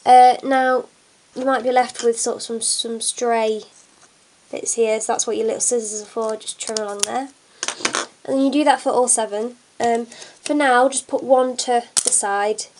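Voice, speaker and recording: Here a young woman with a stuffy nose narrates a craft tutorial as she works, hands visible on camera at an indoor table. She's chatty and filler-heavy, speaking at a moderate pace in a steady, higher-pitched voice over background noise.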